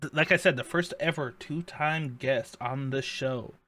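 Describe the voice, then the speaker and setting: A man's voice: medium pitch, a little slow, pushed and bright. A man hosting a casual chat show, rambling and repeating himself, with playful mock excuses. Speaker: podcast host.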